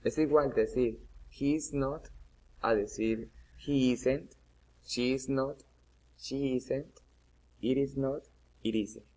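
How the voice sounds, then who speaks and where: A man's voice: medium pitch, steady tone, takes it slowly, a little mellow. A man teaching an English grammar lesson, explaining step by step and often checking "¿listo?".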